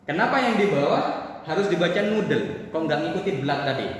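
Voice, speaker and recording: A man's voice: on the high side, big pitch swings, brisk, slight background noise. Guy teaching a class, keeps asking the kids stuff, big echoey room, mic kinda far off. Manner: conversational, asks the class questions. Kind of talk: classroom lesson.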